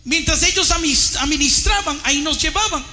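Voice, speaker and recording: High, bright-voiced fervent male preacher. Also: moderate pace. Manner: fervent, shouting at peaks, addresses listeners as brother. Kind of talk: impassioned testimony sermon.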